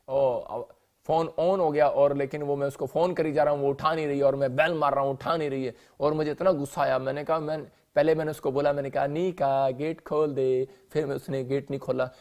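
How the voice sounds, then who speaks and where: A man preaching a sermon in a church, telling a story and acting out the quotes, moving between loud outbursts and soft lines. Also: fairly high pitch, fairly even intonation, a little fast.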